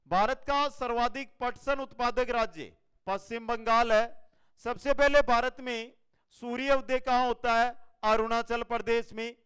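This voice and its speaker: A man with a Rajasthani Hindi accent, an online exam-prep teacher running a fast quiz-style lesson, energetic and repeating each answer for his viewers. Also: very high-pitched, clear, resonant tone.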